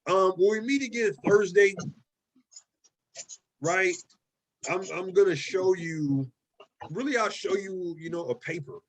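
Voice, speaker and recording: A man with a somewhat high speaking voice teaches a college writing class over a video call from his desk. His delivery is loose and conversational, peppered with "okay?" and "right?" and with repeated words as he searches for the next phrase. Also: unhurried, pauses often, slight background noise. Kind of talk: casual online class lecture.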